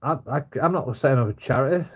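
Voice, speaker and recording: A man's voice: medium pitch, fast, breathy edge. A man in his forties with a Bradford accent, ranting casually on a livestream in a blunt, sweary, repetitive way. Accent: Bradford, West Yorkshire. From Bradford, England. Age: 40s. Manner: blunt, sweary, repetitive, often tagging sentences with "you know". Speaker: livestream host. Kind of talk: casual opinionated livestream rant.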